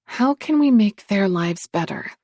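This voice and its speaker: A woman voicing an earnest, caring young woman in an audiobook, lifting her voice higher and louder than her narration. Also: lively intonation, unhurried, no room sound, studio quality.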